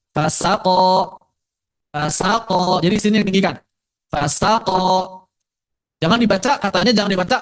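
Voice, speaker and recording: A man with an Indonesian accent teaching Quran recitation in a casual lecture, asking the class questions and slowing down to demonstrate words. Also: high-pitched. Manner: lively, asks the audience questions; slows right down to demonstrate recitation.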